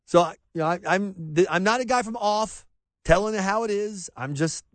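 Man, radio talk host, from rural South Carolina, fairly high voice, dry close mic, impassioned, stumbling restarts. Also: normal speed, no echo. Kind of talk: opinionated radio monologue. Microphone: close studio mic, dry.

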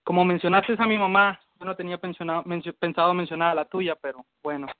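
A man's voice: high-pitched, fairly even intonation, fast talker, dry recording. A man freestyling boastful battle-rap insults over the phone, dropping in English phrases. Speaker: battle rapper. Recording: tinny dry phone line.

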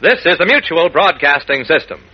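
High-voiced old radio announcer, American man. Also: lively intonation, moderate pace, husky. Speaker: network announcer. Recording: muffled old radio broadcast with music.

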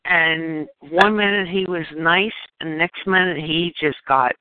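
A man in a casual group call, complaining in halting, restarting sentences. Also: a little high, smooth, dry recording. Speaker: call-in show participant. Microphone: phone. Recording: phone-line audio.

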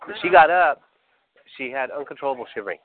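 A man's voice: mid-range voice, animated, quick pace. A man with an American accent chatting casually and informally with family and friends, using slang. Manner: informal, slangy, peppers talk with Spanish greetings. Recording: thin phone-like sound with people chattering.

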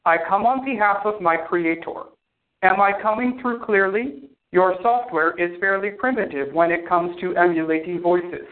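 Homem fazendo uma IA fria e formal. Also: male voice, high-pitched, moderate pace, lightly acted. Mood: cold. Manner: precise, emotionless, clipped. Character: cold formal male artificial intelligence. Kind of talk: audio drama acting. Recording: tinny phone-like sound.

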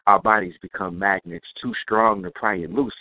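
A man's voice: fairly low pitch, steady tone, moderate pace. Man performing spoken-word poetry. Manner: rhythmic, rhyming delivery. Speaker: guest poet. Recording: dry, tinny phone-like sound.

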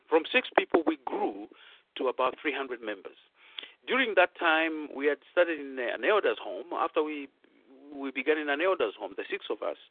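A man's voice: medium pitch, no echo. A middle-aged Zambian-born man, a pastor hosting a radio broadcast, talks casually with many fillers and emphatic rises. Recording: tinny phone-line radio broadcast.

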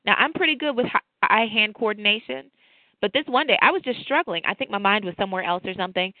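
A woman co-hosting a faith talk show, telling a lively personal story and drawing a lesson from scripture. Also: medium pitch, quick pace, no room sound. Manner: storytelling, animated, preachy asides. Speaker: podcast co-host. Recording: tinny phone-like line, dry.

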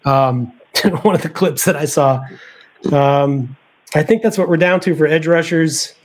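A man's voice: fairly high pitch, measured pace. A man on a sports podcast, thinking aloud as he weighs draft prospects in casual chat. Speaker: podcast panelist.

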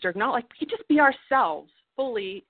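A woman's voice: a little high, expressive, normal speed, no room sound. A woman coaching and encouraging others on a group phone call, earnest and heartfelt. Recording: tinny phone line, dry.

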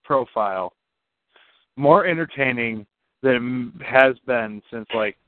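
A man's voice: mid-range voice, measured pace, no echo. A man co-hosting a radio show with casual, teasing banter, repeating phrases for emphasis. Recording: narrow phone-like sound.

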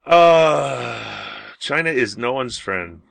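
A man's voice: medium pitch, animated, drawn-out words, creaky, a bit bright, dry recording. A man hosting a talk radio show, chatting casually and reading news items in a blunt, grumpy, sarcastic way.

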